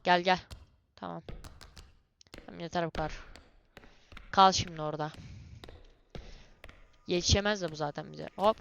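A young woman doing let's-play commentary on a horror game, excitable and cursing, yelling at the monsters. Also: lowish voice, moderate pace, vocal fry, pauses often, dull audio, slight background noise. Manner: excitable, swears and yells at monsters. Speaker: gamer playing a horror game.

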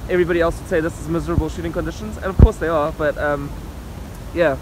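Talking quickly and cheerfully to the camera at arm's length, a photography vlogger in his thirties describes his photo setup in casual outdoor vlog style. His pitch is fairly high and his intonation fairly even. It's night on a rainy city rooftop and street, with loud wind, rain and traffic in the recording.

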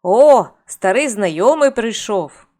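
A woman's voice: a little high, big pitch swings, moderate pace. A woman playing a sly greedy innkeeper. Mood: coaxing.

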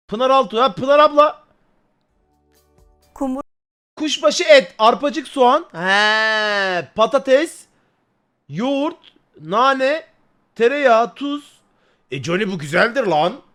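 A young man, chatting loudly and crudely with his live stream viewers, joking and swearing freely. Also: very high-pitched, animated, slow pace, long pauses. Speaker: livestreamer.

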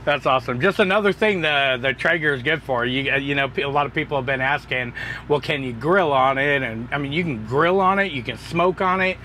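A man co-hosting a trucking vlog, chatting in a relaxed, joking way from inside a truck cab. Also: mid-range voice, brisk, noisy background. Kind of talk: casual cooking chat.

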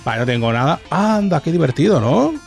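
A gaming streamer with a Castilian Spanish accent talks to himself while playing, casual and sweary. His voice runs on the high side, sing-song, brisk, gravelly, and darkish. He's on a close boom-arm mic in a small streaming room, with game music in the background.

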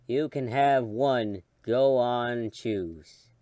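A man reading out a weary old male professor in a fan-made game, in a slow, tired voice. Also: mid-range voice, mellow, no echo.

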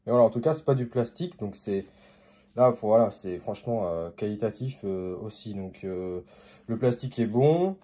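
A man's voice: fairly low pitch, expressive, normal speed, mellow. A man hosting a casual unboxing video, talking hesitantly with many fillers and restarts, with an accent. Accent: non-native or regional French.

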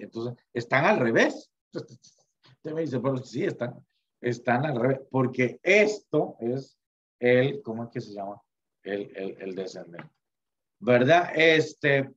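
A male teacher gives a loose, chatty online lecture, filling his pauses with fillers and restarting his sentences. His voice sits at a middle pitch. The audio comes through a computer mic and sounds slightly muffled and lo-fi. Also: a bit bright.

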